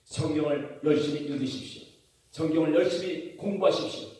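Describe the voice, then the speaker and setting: A male pastor preaching a sermon in a church, asking the congregation questions and building to loud emphatic declarations. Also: a little high, a little fast. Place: church sanctuary. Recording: very echoey church hall, mic far off.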